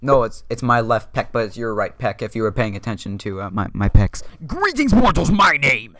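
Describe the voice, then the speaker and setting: A young man vlogging from a dark room at home into a desk mic, rambling, joking and correcting himself constantly. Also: fairly low pitch, steady tone, fairly quick, no echo. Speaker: YouTuber. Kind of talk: rambling self-deprecating vlog.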